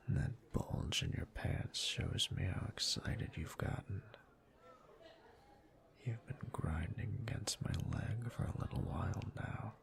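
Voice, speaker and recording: In an intimate whispered roleplay audio, a man plays a teasing, dominant bully who turns into a seductive lover. He murmurs slowly, smugly and breathily, his voice sitting low and sounding exaggerated.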